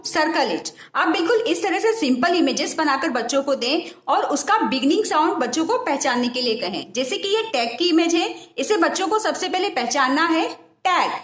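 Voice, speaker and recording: A woman with an Indian English accent leads a phonics lesson, her voice high and lively in pitch. She sounds out each letter slowly and clearly. The room around her is echoey. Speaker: teacher and channel host.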